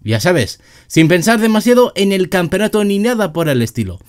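A man narrating a scripted sports news roundup, reading quotes in an even tone. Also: high-pitched, moderate pace.

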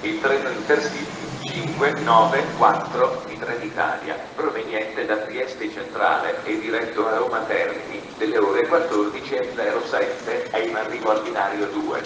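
Male station loudspeaker announcer, low and formal, echoing from far off across the platform. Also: fairly even intonation. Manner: formal, measured, evenly spaced phrases. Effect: train station loudspeaker announcement. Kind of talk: automated public announcements. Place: outdoor railway platform. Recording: echoey, distant station PA with noise.

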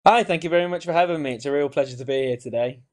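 A man's voice: a little high, racing. A man, a guest on a video call, telling his story frankly and easily from a small room at home. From Romania. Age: 30s. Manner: frank, relaxed storytelling with light laughs. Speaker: interview guest. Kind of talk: recorded video-call interview. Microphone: webcam on a video call.

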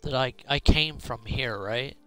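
Music plays in the background as a man with a mid-range voice, speaking at a measured pace, comments casually on his gameplay. He hosts a roleplay video series and mutters to himself while thinking out loud.

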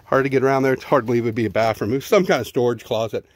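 A middle-aged Texan talks very fast at medium pitch, with no room sound, as he films himself on a handheld phone. Walking through the ruins of a zoo outdoors, the vlogger narrates casually, thinks aloud and repeats words.

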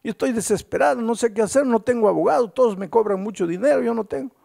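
A man's voice: fast talker, creaky, mellow, full character voice. A preacher quoting a desperate woman hairdresser. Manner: pleading, pitch raised above his own voice. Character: distraught middle-aged woman hairdresser, cheerful by nature.

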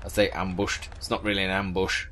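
A man commenting on a video game as he plays it. He gets excitable, swears often and puts on silly voices. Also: deep voice, fairly quick, a little hiss or hum. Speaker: let's play host. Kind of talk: gameplay commentary. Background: game music.

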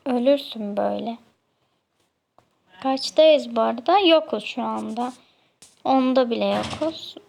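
A woman's voice: on the high side, creaky. A young woman from Turkey chatting casually while playing a game, scolding other players with mock annoyance. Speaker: gamer. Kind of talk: casual gameplay commentary.

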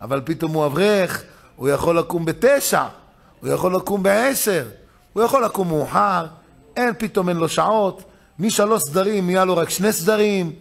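Gravelly, high-voiced rabbi teaching with fire. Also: male voice. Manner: swings between loud excited emphasis and low hushed asides; acts out the voices of people in his stories. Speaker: rabbi giving a weekly Torah lesson. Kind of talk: animated storytelling lesson.

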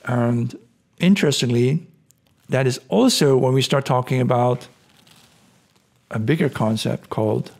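A middle-aged male podcast host gives a casual, rambling explanation over a screen share from an indoor room at home, using a studio mic on a boom arm. His voice is medium-pitched, darkish and hoarse, cracking as he clears his throat, and he speaks unhurriedly, pausing often and thinking aloud with many fillers and restarts.

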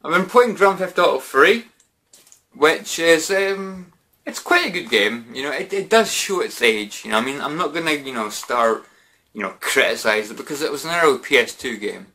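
Drunk, rambling young British man, bright voice. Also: a little high, animated, normal speed. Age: 20s. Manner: repetitive, rambling, peppered with "you know" and mild swearing. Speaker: gaming vlogger. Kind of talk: casual vlog chat to camera. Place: small bedroom, indoors.

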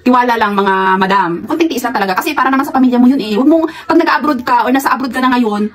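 A woman's voice: fairly high pitch, rapid-fire. A woman with a Filipino accent, a worker abroad who chats casually to her viewers, laughing often and giving encouraging advice. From Philippines. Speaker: vlogger. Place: employer's home abroad.

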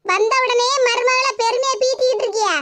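Woman doing a squeaky bossy village mother-in-law. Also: fairly even intonation, fairly quick, fairly bright tone. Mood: scolding. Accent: Tirunelveli Tamil. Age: over 60 (figure). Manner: scolding, nagging. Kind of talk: animated cartoon dialogue. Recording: noisy cartoon audio track.

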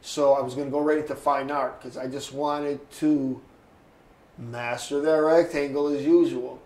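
A man's voice: medium pitch, steady tone, moderate pace, darkish tone. A man in his sixties telling stories in an oral history interview, rambling and acting out other people's voices. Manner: rambling storyteller, acts out quoted voices. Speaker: interviewee, photographer. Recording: echoey room, faint ambient noise.

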